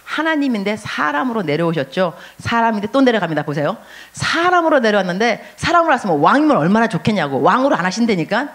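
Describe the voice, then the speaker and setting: A woman's voice: medium pitch, very animated, quick pace. A middle-aged woman pastor giving a sermon, acting out inner voices and mixing in English phrases.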